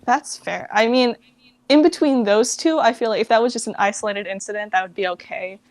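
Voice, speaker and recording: A woman appears as an interview guest for an informal book chat, her talk peppered with "like." She speaks fairly quickly in a voice on the high side. No room sound can be heard.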